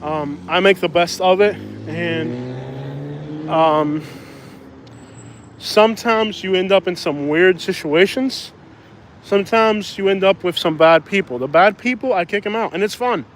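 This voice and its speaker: A man's voice: high-pitched, unhurried, vocal fry, a little hiss or hum, low-quality recording. A Cuban man who drives for a rideshare app, talking bluntly and rambling in a casual livestream while walking outdoors on a city street. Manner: blunt, opinionated, rambling with restarts.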